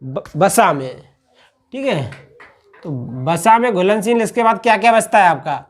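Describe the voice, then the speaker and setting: With a high-pitched voice, lively intonation and an unhurried pace, a man delivers a classroom-style lecture. His explaining is patient and repetitive: he asks questions, supplies the answers himself, and keeps checking in with "okay" after each point.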